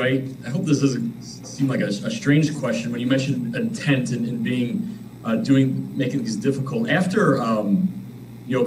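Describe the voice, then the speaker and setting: A man's voice: medium pitch, darkish tone. A male reporter asking long, winding questions with hesitant restarts over a remote call. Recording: distant call audio with noise.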